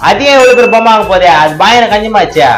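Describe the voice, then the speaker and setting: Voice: mid-range voice, expressive, fast, echoey room, music in the background, natural voice. A voice actor doing a whiny cartoon son. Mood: worried. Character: dim young thief sidekick, later a scared young son. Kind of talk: fan-made cartoon dub.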